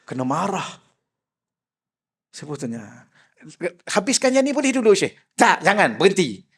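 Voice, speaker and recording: A man's voice: high-pitched, sing-song, measured pace, slightly rough. An older man with a Malaysian accent, giving a mosque lecture as a religious teacher, telling jovial stories and acting out the voices he quotes. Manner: jovial storytelling, acts out quoted voices, laughs often.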